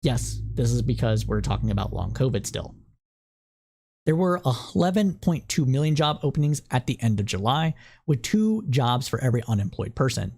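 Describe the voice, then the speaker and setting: Mellow-voiced casual stream host. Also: mid-range voice, big pitch swings, normal speed, creaky, slightly rough. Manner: playful, coos and repeats over a cute picture; reads news copy aloud with small slips. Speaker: news show host. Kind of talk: casual live-stream news roundup.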